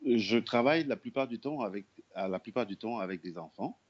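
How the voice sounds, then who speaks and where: A man's voice: lowish voice, expressive, a little fast, lo-fi sound. A man from the Republic of the Congo, an actor, puppeteer and storyteller, answering interview questions hesitantly with many fillers and restarts.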